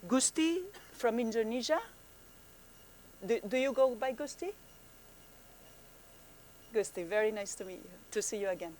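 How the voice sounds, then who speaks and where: A woman program manager giving a friendly conference presentation, halting often with fillers and restarts, speaking in a conference room. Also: on the high side, expressive, a little mellow, slight background noise.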